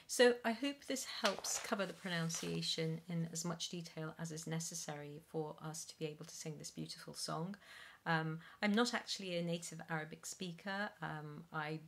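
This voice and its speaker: A middle-aged woman, a singing teacher, slowly explaining pronunciation while reading from sheets in a small room at home. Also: low-pitched, steady tone, gravelly. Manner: slow careful enunciation with spoken explanations. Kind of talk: pronunciation lesson read from sheets.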